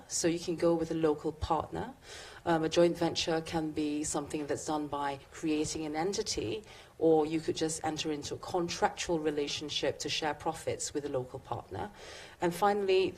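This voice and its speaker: Low-voiced woman from Singapore. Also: a little mellow, husky. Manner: measured with frequent fillers and restarts. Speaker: barrister speaking at a business event. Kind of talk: conference presentation.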